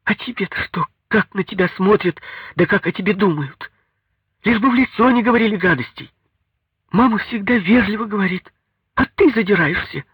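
A man's voice: moderate pace, fairly bright tone, slightly rough, no echo, clean studio sound, heavily acted. A man voicing a young wife in an audiobook, anxious, tearful and pleading. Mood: reproachful. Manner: pleading, high-pitched.

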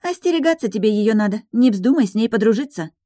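A woman voicing an excitable, gossipy young woman in an audiobook, lively and talkative. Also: fairly high pitch, quick pace, no echo, studio quality, voice pushed up, close to an everyday voice. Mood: warning.

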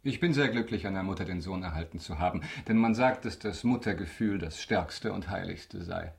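Low-voiced, haughty, ironic count. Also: male voice, a little fast, vocal fry. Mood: courteous. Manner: polished, ironic, haughty formal speech. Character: wealthy, imperious, mocking count of mysterious past. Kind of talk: German radio drama acting.

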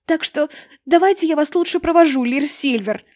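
A woman voicing a frightened, tearful young woman who pleads in a high, loud voice in a storybook reading. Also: moderate pace, close to an everyday voice. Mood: upset, pleading.

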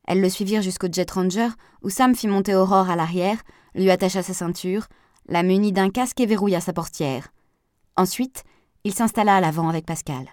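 A woman narrating a novel aloud in an audiobook, with a measured, even reading. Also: mid-range voice, dry recording, clean studio sound. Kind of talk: scripted narration.

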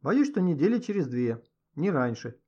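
Male reader doing a soft, affectionate aunt on a long-distance call, husky, slightly raised voice, lo-fi audio. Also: a little high, big pitch swings, normal speed. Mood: gentle, tired. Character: warm aunt on a phone call. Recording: dull lo-fi audio.

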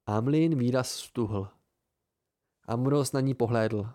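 A man reading a novel aloud in the first person with a measured, even delivery, recorded at home close to the mic. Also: medium pitch. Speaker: amateur audiobook reader. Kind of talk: first-person audiobook narration.

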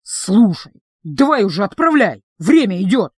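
A woman voicing a gruff, good-natured male troll who talks bluntly and loudly in a storybook reading. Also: medium pitch, moderate pace, no echo, natural voice. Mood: impatient teasing. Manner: loud, blunt, impatient.

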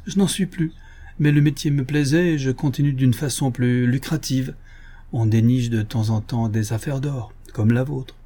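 A cold former police inspector in a storybook crime tale, as a male narrator puts him on, speaking in dry, hard, exact phrases. The voice is dark and husky, with a steady, threatening edge. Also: mid-range voice, moderate pace, close to an everyday voice. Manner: curt, hard, precise.

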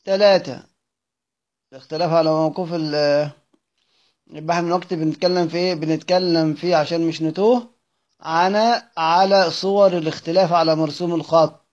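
A man's voice: on the high side, steady tone, fairly quick, pauses often, a little mellow. A man with an Egyptian accent teaching a class, reading from a text and explaining each point step by step, asking questions and answering them himself. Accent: Egyptian Arabic. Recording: muffled lo-fi recording.

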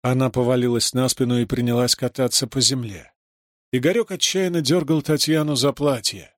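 A man reading a story aloud as narrator, in a measured, dramatic way. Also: medium pitch, dry recording, studio quality. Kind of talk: audiobook reading.

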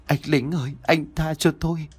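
A man's voice: a little high, fairly even intonation, moderate pace, slightly rough, voice pushed up. A man doing a sobbing terrified young girl. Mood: pleading. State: crying, pleading.

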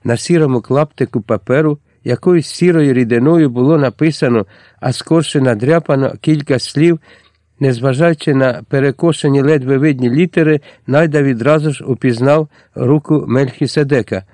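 A man narrating an audiobook in a measured, even reading. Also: medium pitch, dry recording, clean studio sound. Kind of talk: scripted narration.

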